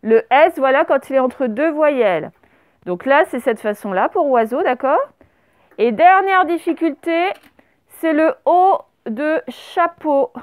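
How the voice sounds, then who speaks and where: A woman teaching a primary class, dictating words slowly and spelling them out letter by letter. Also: high-pitched, expressive, no room sound. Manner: slow, over-articulated dictation of words.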